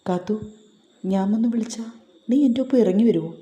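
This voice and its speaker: A woman's voice: medium pitch, normal speed, dark tone, muffled recording, natural voice. A woman voicing a reserved young man, a stern office boss who asks brusque, clipped questions. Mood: pressing. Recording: roomy echo.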